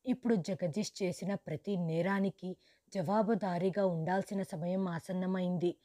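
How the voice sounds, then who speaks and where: A woman narrating a storybook in the first person as a grieving, widowed mother who lost her wealth, in a steady, measured reading. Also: fairly low pitch, dry recording, close to an everyday voice. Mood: sorrowful.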